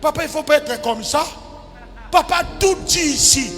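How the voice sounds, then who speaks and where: A male pastor preaching a sermon, swinging between loud shouted cries and quiet asides. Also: very high voice, expressive, normal speed. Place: large church hall. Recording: church hall reverb with music. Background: music.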